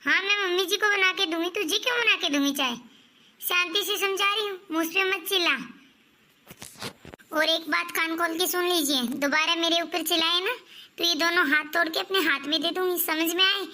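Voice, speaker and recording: A woman playing a sharp-tongued, defiant young daughter-in-law in a family comedy skit, scolding and threatening. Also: very high voice, moderate pace.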